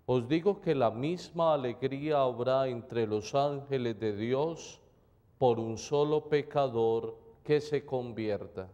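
A man from reads the gospel at Mass in an unhurried, measured, solemn way. His tone is dark and mellow. A long cathedral echo trails every phrase. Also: mid-range voice, highs cut off. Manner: slow, measured, solemn reading. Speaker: priest. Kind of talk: liturgical gospel reading and homily. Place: large church during Mass. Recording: long church reverb.

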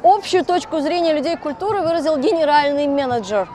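A woman reporter reads a news voice-over in a high, crisp delivery. Each sentence is scripted and steady. A faint hiss sits under her. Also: a little fast, some chatter behind.

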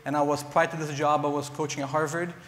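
On the stage of a large conference hall, a nonprofit director from Brazil in his thirties talks fast on a panel in a slightly high, a bit bright voice with a level tone. His Brazilian-accented delivery is earnest but full of ums and restarts, and his lapel mic captures echoey reverb.

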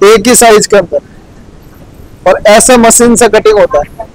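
A man's voice: sits high, steady tone, measured pace, low-quality recording. A young man showing visitors around a large garment factory floor, explaining each step plainly and repeating himself, on a lapel mic. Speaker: factory guide.

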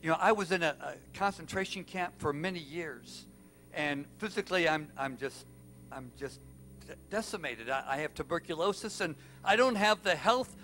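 Man doing a frail dad begging, stumbling over words, somewhat high voice. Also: a bit bright. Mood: pleading. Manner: pleading, halting and broken. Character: frail, desperate father, a sick man pleading.

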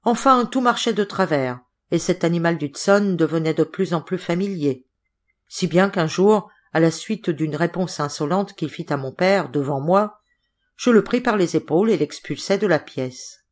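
A woman reads a literary audiobook aloud in scripted narration. Her voice sits on the lower side, and she keeps a steady, expressive pace through the story. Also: moderate pace.

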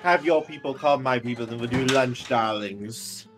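A man's voice: mid-range voice, moderate pace, natural voice. Man putting on a gushing movie-producer big shot. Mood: breezy, schmoozing. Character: flamboyant schmoozing showbiz big shot, effusive and theatrical. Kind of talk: tabletop role-play. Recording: music behind the voice.

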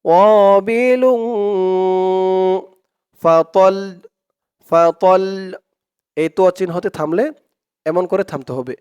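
Guy teaching quran reading, highish voice, real smooth, chants words slow. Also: a little mellow, highs cut off. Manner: chants Arabic words slowly and drawn out, explains fast in between. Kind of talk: slow recitation drills with quick explanations.

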